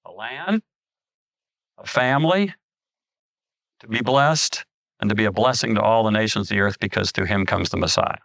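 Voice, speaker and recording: A man's voice: fairly low pitch, moderate pace, vocal fry, long pauses, fairly bright tone, dry recording. A middle-aged man, a pastor, preaching a conversational sermon with frequent restarts and asides.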